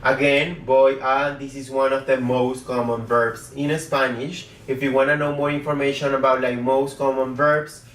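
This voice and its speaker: A man teaching a beginner Spanish lesson in a lively way, who keeps checking in with his viewers and repeats example words aloud. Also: mid-range voice, moderate pace, few pauses. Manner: energetic, repeats "guys" and "okay?", drills words aloud. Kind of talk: online language lesson. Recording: roomy echo, mic at a distance.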